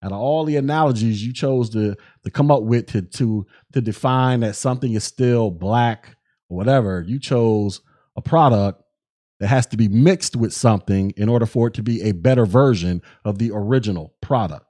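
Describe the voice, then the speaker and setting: A young man hosting a solo podcast, talking in animated, slang-heavy commentary full of restarts and repeated words. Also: fairly low pitch, moderate pace. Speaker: podcast host.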